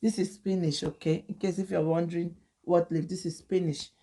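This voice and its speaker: A young woman with a Nigerian accent co-hosts a food vlog, casually teasing and scolding her husband in chatter mixed with Pidgin. Her voice is lowish, warm, and slightly rough, brisk with fairly even intonation.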